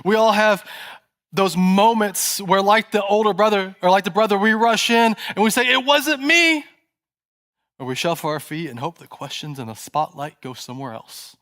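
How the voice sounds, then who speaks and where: A male pastor preaches a sermon in a church, telling a story at a normal pace with a high-sitting voice. At the tense moments he drops to a soft, hushed tone.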